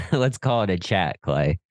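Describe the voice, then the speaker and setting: A man's voice: lowish voice, sing-song, slow, dry recording. A middle-aged man, a podcast co-host chatting casually in an encouraging way. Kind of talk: casual chat.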